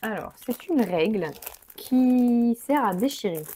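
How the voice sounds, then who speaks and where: A woman's voice: a little high, lively intonation, slow pace, dark tone, a little hiss or hum. A woman hosting a crafting channel, chatting casually and enthusiastically as she unboxes supplies, thinking aloud with many fillers.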